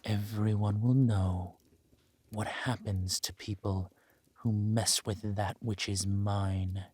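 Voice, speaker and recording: As a scripted roleplay audio drama unfolds, a man takes on the part of a possessive, menacing villain warlord and protective lover, speaking deliberately and commandingly and sometimes murmuring breathily. His lowish voice holds a steady, slightly mellow tone, with no room sound.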